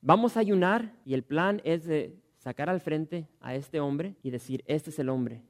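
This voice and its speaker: A pastor preaches with a high, ringing voice. His delivery is impassioned, rising to loud emphasis and then dropping to hushed, low phrases as he reads and explains scripture. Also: measured pace. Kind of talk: sermon with scripture reading.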